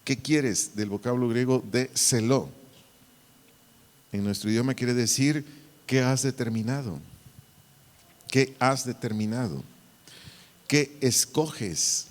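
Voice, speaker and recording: Pastor teaching in a reverberant hall. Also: male voice, medium pitch. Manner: deliberate, repeats and spells out key words. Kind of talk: Bible teaching to church servers. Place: church hall.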